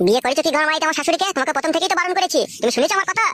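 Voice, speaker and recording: A woman voicing a sulky young husband who mutters and swears in a low, sullen way. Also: very fast, fairly bright tone, slight background noise. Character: sulky grumbling young husband, son-in-law.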